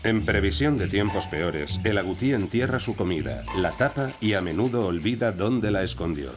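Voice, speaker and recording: A man's voice: on the low side, lively intonation, moderate pace, over music. A man reading scripted narration as the narrator of a nature documentary. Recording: insect and wildlife noise behind voice. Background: rainforest ambience with crickets and insects.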